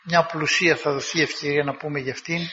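A male preacher delivers a sermon in a very bright, sharp, somewhat high voice. He tells his stories vividly and acts out the quoted dialogue in a raised voice. A dull recording carries a long reverb, as in a large hall. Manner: lively storytelling, acting out quoted dialogue in a raised voice.

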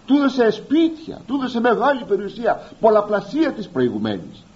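A man delivers a sermon in a fairly high, very animated voice that rises and falls constantly. He speaks straight to his congregation and stretches out the words that matter most. The recording sounds dull and lo-fi. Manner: emphatic, slowly drawing out key words; addresses listeners directly as "beloved". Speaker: preacher.

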